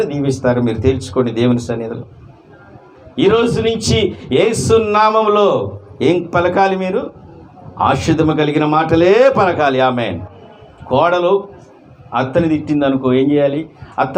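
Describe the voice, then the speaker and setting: A male pastor preaching a sermon, with many rhetorical questions and swings between loud emphasis and quiet asides. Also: a little high.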